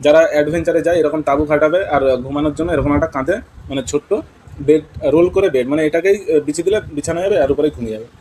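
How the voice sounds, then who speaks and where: A man's voice: a little high, very fast, a little mellow, a little hiss or hum, rough recording. A man teaching an English lesson in Bengali with a West Bengal accent, mixing in English words and questioning his students. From West Bengal, India.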